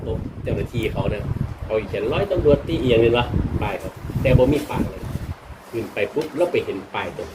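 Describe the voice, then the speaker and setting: This man, a Buddhist monk speaking with a northeastern Thai Isan accent, talks fast in a medium-pitched voice with lively intonation. He addresses temple visitors in a homely, colloquial manner and offers blessings, and the live recording is noisy with background ambience.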